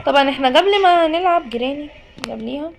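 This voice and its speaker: A woman's voice: high-pitched, lively intonation, a little fast, creaky, a little hiss or hum. A woman with an Egyptian Arabic accent giving chatty, jokey commentary on a horror game, often pleading with the game and talking to it. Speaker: gaming YouTuber. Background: game music.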